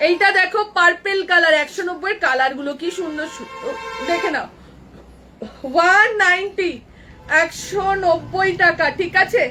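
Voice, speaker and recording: A woman running a live clothing sale, briskly calling out prices over and over and chatting with helpers and viewers through an earbud mic. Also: very high voice, pushed and bright. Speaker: boutique owner selling clothes live. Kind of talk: live sales patter.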